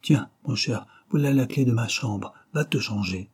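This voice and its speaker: A man's voice: mid-range voice, unhurried, a little mellow, husky. A man voicing a mild, jovial middle-aged husband who teases his friend in a read-aloud novel. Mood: amused teasing.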